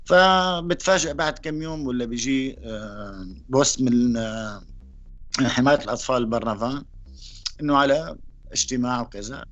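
A man from Syria with a Syrian accent, giving a personal testimony in a halting way, with frequent pauses and restarts. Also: medium pitch, a bit bright, dull audio. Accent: Syrian Arabic. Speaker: interviewee.

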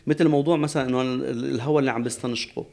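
A man's voice: medium pitch, steady tone, rapid-fire, gravelly, warm tone. A man, a guest expert on a talk show, explaining at length with frequent restarts.

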